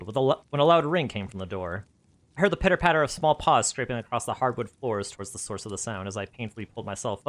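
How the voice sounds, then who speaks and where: Bright-voiced man reading a story. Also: lowish voice. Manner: animated, laughs at his own asides. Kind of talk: reading his own story aloud.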